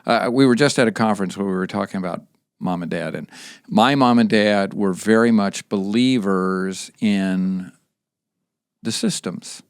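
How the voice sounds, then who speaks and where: A middle-aged man from Texas, a podcast guest, telling family stories in a halting way with many restarts. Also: fairly low pitch, clear, resonant tone, no room sound, studio quality. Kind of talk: conversational storytelling.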